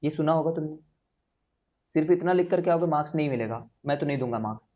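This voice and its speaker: A young man teaching physics to a class in a chatty, lively way, mixing in English phrases. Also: a little high, fast, narrow, tinny audio. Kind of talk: classroom lecture.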